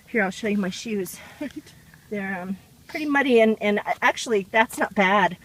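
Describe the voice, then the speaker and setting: A woman's voice: mid-range voice, lively intonation, a little slow, fairly bright tone, rough recording. A woman vlogging casually outdoors on a handheld camera, talking while walking through a trail race. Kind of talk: casual vlog chat.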